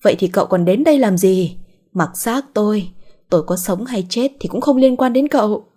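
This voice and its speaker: A woman's voice: lowish voice, fairly quick, dark tone, husky. A woman voicing a bitter middle-aged mother who talks coldly and reproachfully. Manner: cold, reproachful.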